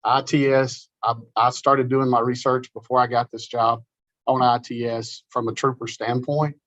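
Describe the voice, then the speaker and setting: A middle-aged man giving an informal, animated conference talk, folksy and storytelling. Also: mid-range voice, moderate pace, dry recording, lo-fi sound. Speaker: conference presenter. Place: meeting room.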